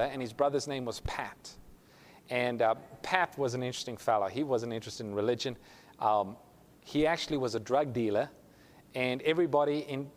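A male pastor telling a story in a sermon, acting out the voices of the people in it. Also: medium pitch. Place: church sanctuary. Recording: long hall reverb.

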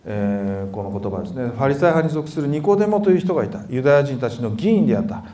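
A man interpreting a sermon sentence by sentence, talking quickly with filler words and reading scripture passages. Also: medium pitch, expressive, dark tone, echoey room.

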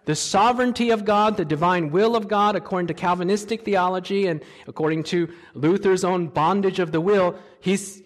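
A man preaching a sermon in a lecture style, emphatic and often putting rhetorical questions to his listeners. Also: sits high.

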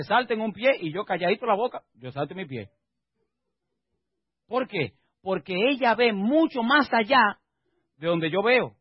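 A male pastor preaching a sermon, swinging from quiet asides to emphatic exhortation and firing rhetorical questions at the congregation. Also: a little high, husky, no echo, lo-fi sound.

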